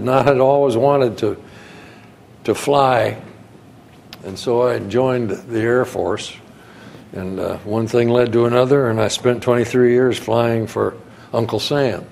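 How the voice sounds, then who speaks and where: Gravelly older man preaching a sermon. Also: on the low side, a little hiss or hum. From Connecticut, New England. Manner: conversational, folksy storytelling with soft chuckles. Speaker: guest preacher.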